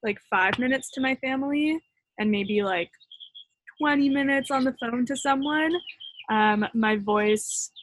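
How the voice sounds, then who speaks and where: A woman in her twenties with a slightly high voice chats casually from home. She laughs often and teases herself. The recording is close and dry, with no room sound. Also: measured pace, a bit bright, no room sound, low-quality recording. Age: 20s. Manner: self-deprecating, laughing often. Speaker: podcast guest. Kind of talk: casual podcast chat.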